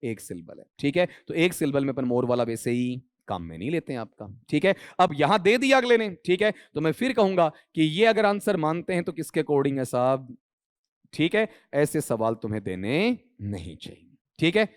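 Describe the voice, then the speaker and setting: A man with a fairly high voice lectures a room of students. He fires questions at the class and answers them himself. The sound is close and dry. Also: very animated, moderate pace, smooth, no echo. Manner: mixes English grammar terms into his Hindi. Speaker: English teacher.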